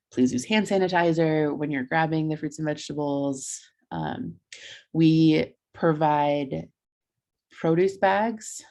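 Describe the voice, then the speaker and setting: A woman's voice: deep voice, creaky, darkish tone. A young adult woman on a video call, earnestly explaining how her campus food pantry runs, with frequent ums and likes. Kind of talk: conference presentation over video call.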